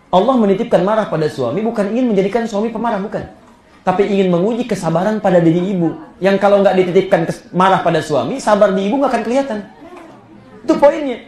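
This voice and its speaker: Indonesian male preacher, echoey hall. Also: high voice. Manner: animated storytelling with rising emphatic peaks; quotes Arabic verses slowly. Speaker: Islamic preacher. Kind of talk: sermon.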